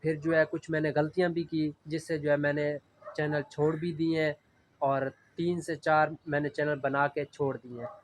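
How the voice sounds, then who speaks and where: A man's voice: a little high, level tone, normal speed, a little hiss or hum, low-quality recording. A man from Punjab, Pakistan, talking casually to camera as a vlogger, earnest and rambling with a repeated filler phrase. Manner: earnest, rambling, heavy use of the filler "jo hai".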